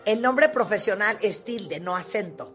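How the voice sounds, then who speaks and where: A woman's voice: mid-range voice, lively intonation, a little slow, fairly bright tone, soft background music. A woman hosting a casual chat, playful and self-deprecating about her own grammar. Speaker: host.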